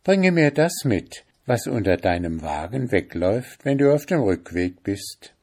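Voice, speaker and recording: A man's voice: fairly low pitch, very animated, measured pace, a little mellow, exaggerated voice. A man voicing a spirited, kind young girl in a storybook reading, raising his voice into an exasperated, pleading tone. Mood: eager.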